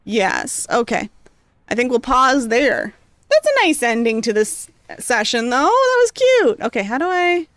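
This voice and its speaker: In a dry recording, a woman with a fairly high, slightly bright voice sounds very animated yet keeps a measured pace. She's a streamer reading a visual novel's narration and chatting with viewers in a casual, rambling way full of fillers, and her voice is strained from reading, with occasional coughs.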